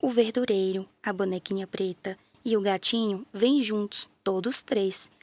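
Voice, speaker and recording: This dry recording captures a woman with a mid-range voice and a Brazilian Portuguese accent, narrating a children's story at a measured pace. Her delivery is tender and playful, dotted with small sound effects.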